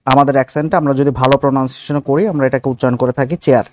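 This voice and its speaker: A man's voice: medium pitch, steady tone, dry recording. Bangladeshi man teaching pronunciation. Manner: explains slowly with many fillers, repeating each example word. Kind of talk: spoken video lesson.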